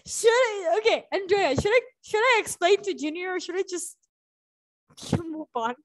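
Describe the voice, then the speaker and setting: A woman's voice: extremely high pitch, lively intonation, moderate pace. A young woman teacher chatting casually with students in an online class over a video call, laughing often between remarks. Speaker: English teacher.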